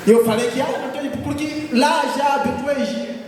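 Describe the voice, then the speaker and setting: A man from Mozambique with a Mozambican Portuguese accent, a missionary preacher telling his testimony with animated laughter and exclamations. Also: very high voice, moderate pace, slight background noise. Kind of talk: sermon testimony. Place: large echoey church hall. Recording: echoey hall, distant mic.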